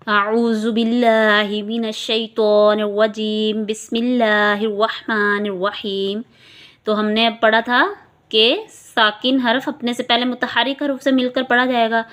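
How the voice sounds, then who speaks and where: A woman with a Pakistani Urdu accent teaching Quranic recitation rules, patiently repeating syllables slowly for learners to follow. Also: fairly high pitch, fairly bright tone.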